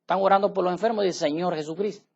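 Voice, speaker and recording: A man's voice: high voice, steady tone, very fast, gravelly, lo-fi sound. A male preacher giving an emphatic sermon in a church. He keeps turning to his listeners to check that they follow him. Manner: emphatic, asks listeners "¿me entiende, hermano?". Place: church tabernacle.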